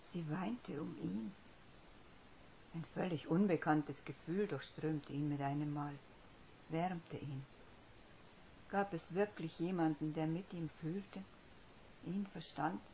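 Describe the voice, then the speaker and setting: A woman reading a story aloud in a steady, measured way. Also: sits low, slight background noise. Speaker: audiobook reader. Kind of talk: scripted fiction narration. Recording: dull lo-fi recording.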